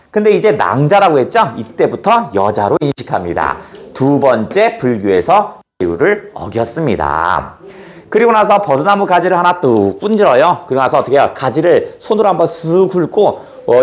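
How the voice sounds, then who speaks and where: A male teacher retelling a classic tale in class, quizzing his students as he goes. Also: on the high side. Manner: animated, quizzes students with questions. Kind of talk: storytelling lesson.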